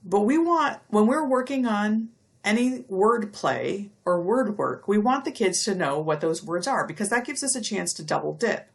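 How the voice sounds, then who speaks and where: A middle-aged woman giving a recorded lecture, explaining step by step and stretching out speech sounds slowly to demonstrate them. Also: medium pitch, animated, creaky. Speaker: university lecturer.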